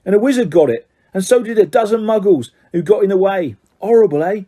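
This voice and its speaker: In an audiobook, a man voices an eager, gossipy young wizard who conducts a bus, pushing his voice up into a high, dark-toned register. He talks fairly quickly, full of excited gossip and fond of tag questions.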